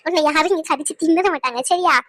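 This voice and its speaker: A woman voicing a proud, sharp-tongued old grandmother in a cartoon, scolding with needling questions. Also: high-pitched, fast talker, no room sound. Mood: teasing. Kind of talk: cartoon voice acting.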